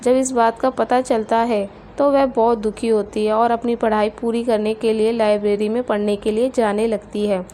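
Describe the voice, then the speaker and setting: A woman narrating a family drama story in a steady, plain way. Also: fairly high pitch, normal speed, hardly any pauses, slight background noise.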